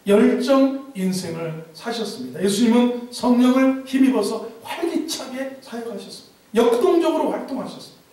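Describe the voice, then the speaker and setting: A male pastor from Chungcheong preaching a lively, humorous sermon to his congregation. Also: very high voice, brisk. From Chungcheong, Korea. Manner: animated preaching with humor and mimicked dialect. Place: church sanctuary. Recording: echoey church hall from a distance.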